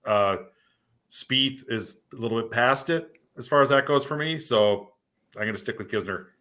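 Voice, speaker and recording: A man who is a sports researcher, giving measured picks in a casual panel chat. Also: medium pitch, fairly bright tone.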